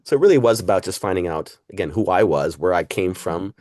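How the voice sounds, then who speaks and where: A man's voice: sits low, lively intonation, fairly quick, darkish tone, no room sound, studio quality. A man from Puerto Rico talking as a guest historian in an interview, reflective, with many fillers and asides. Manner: reflective, uses fillers and "right?". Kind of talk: casual interview talk.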